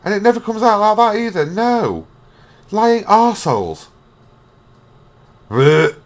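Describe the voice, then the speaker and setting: A man's voice: high-pitched, big pitch swings, a little slow. A man hosting a reaction video, mocking and swearing as he rants. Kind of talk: ranting reaction commentary.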